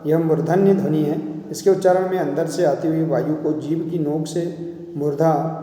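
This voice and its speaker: A man's voice: on the high side, steady tone, moderate pace, warm tone. A male teacher patiently explaining a workbook lesson, often pointing things out as he goes. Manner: patient, repeats "dekhiye" often. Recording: very echoey room with long reverb.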